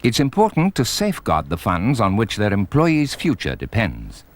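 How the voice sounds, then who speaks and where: A man reading scripted corporate documentary narration in a measured, formal way. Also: on the low side, wildly swooping pitch, slight background noise. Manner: measured, formal presenter delivery. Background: music.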